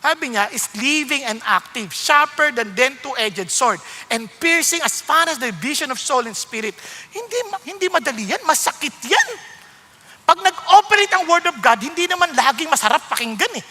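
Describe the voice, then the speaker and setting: Man preaching with animated storytelling voices. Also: very high voice, moderate pace. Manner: animated storytelling, acting out voices of people in anecdotes; mixes English Bible quotes into Filipino preaching. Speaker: pastor. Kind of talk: sermon. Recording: hall reverb.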